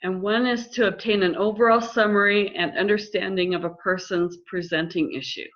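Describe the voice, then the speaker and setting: A middle-aged woman counselor explaining listening skills in a calm, measured way during a conversation. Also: medium pitch. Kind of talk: instructive conversation. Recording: slightly dull lo-fi audio.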